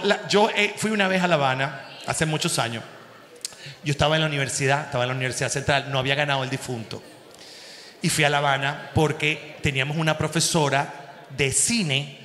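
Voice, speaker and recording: A Venezuelan comedian in his forties spins a stand-up story in an animated way, full of crude slang and sound effects. His voice sits high and bright. The sound carries long reverb from a large hall. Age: 40s. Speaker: comedian host. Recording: echoey hall.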